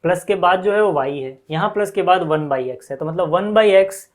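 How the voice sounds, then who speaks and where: A man with an Indian accent teaching a maths lesson, explaining each step slowly and asking questions back to his students. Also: high voice, low-quality recording. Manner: repeats questions back to students, frequent check-ins.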